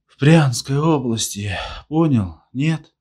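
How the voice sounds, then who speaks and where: A little fair-haired drunk sobs out his story, his voice pushed high and dragged slowly, as a man plays him. He keeps pressing the same point through his tears. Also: expressive, darkish tone, slightly rough. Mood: tearful. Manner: tearful, insistent.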